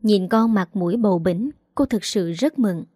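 Warm-toned woman narrating a story. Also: medium pitch, moderate pace, no echo, studio quality.

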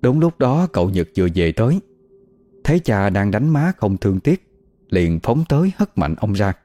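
A man narrating a scripted horror story in a steady, measured way. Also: on the low side. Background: faint music.

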